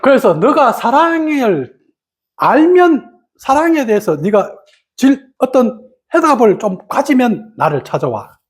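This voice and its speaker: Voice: medium pitch, very animated, unhurried, pitched above the performer's own voice. A meditation teacher voicing a blunt, scolding spiritual leader. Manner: curt, scolding, dismissive.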